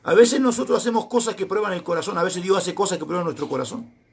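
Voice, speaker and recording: His voice is expressive, fast, and creaky with a breathy edge, and strikingly high for a man. A middle-aged Argentine speaking with an Argentine Spanish accent, he preaches a sermon built on his personal testimony, telling it as a story and acting out the dialogues by voicing every side in turn.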